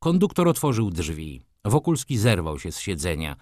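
A man narrating an audiobook in an expressive, measured storytelling manner. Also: deep voice, no room sound, studio quality. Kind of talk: scripted narration.

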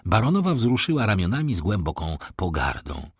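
A man narrating a classic novel in a steady audiobook reading. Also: low-pitched, fairly quick, breathy edge, dry recording, studio quality.

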